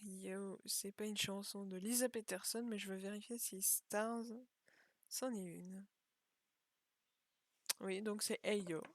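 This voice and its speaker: A woman's voice: mid-range voice, steady tone, takes it slowly, pauses often, no echo. Chatty young woman commenting on a game. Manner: chatty, self-mocking, thinks aloud. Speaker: gaming video creator. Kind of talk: casual gameplay commentary.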